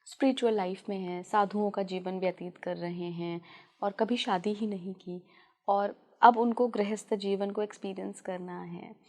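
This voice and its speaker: A woman's voice: medium pitch, fairly even intonation, normal speed, darkish tone. A woman hosting a podcast, asking the guest long, detailed questions and politely addressing her as ma'am. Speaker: podcast host, interviewer.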